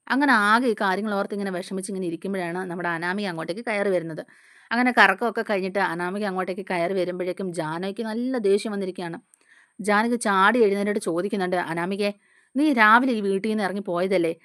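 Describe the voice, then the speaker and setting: A woman narrates a serial recap in a relaxed, chatty storytelling tone. She talks briskly and keeps tagging her sentences. The sound is dry and close, with no room around it. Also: medium pitch, no echo. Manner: chatty, ends lines with a tag word.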